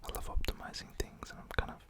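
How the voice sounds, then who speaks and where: A man doing a rambling, casual ASMR chat in a soft, breathy whisper close to the mic, with a gentle, informal, reassuring manner. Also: fast talker. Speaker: ASMR creator.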